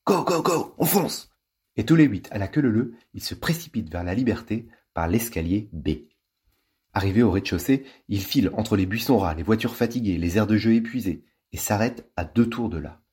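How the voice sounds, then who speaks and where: Lively, husky-voiced man reading a story. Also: on the low side, brisk. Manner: lively, playful. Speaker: storybook reader. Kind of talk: expressive reading of a children's novel.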